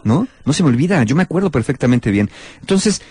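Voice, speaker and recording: A man, hosting a talk show and explaining relationship advice in an animated way. He keeps stepping into little acted-out scenes of what people say. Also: fairly high pitch, fairly quick, breathy edge, no room sound, studio quality. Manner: animated, acts out short quoted scenes. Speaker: host.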